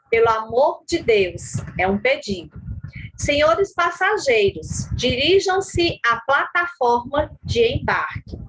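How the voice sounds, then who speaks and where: A woman's voice: on the high side, a bit bright, breathy edge, poor audio. A woman with a Brazilian Portuguese accent, teaching a recorded grammar lesson, explaining patiently step by step and often checking in with her students.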